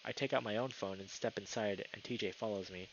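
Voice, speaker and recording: Brisk and fairly low-pitched, a male game streamer chats casually and reads story text aloud, occasionally tripping over words. He uses a streaming mic with noise filtering, yet the recording is muffled with a little hiss or hum.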